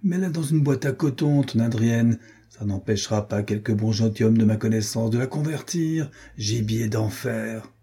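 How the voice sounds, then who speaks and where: A man's voice: mid-range voice, mellow, slightly rough, natural voice. Man doing a mocking young marquis. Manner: jeering, quick with taunts.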